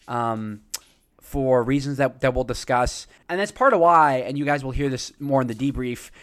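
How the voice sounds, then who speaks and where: A man hosting his own podcast, chatting casually and talking fast, with lots of fillers and restarts. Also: mid-range voice, fairly bright tone. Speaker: podcast host. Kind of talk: casual solo podcast intro.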